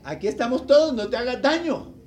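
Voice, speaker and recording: A male pastor preaching a sermon, telling a Bible story with animated delivery and asking the congregation questions. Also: very high-pitched, a little fast. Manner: acts out the people in the story.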